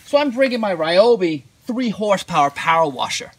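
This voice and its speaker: A man's voice: high-pitched, very animated, moderate pace, slightly rough. A man in his thirties walking through his camping gear outdoors, with dry joking asides. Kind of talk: casual gear walkthrough. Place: outdoors in a driveway and at a campsite.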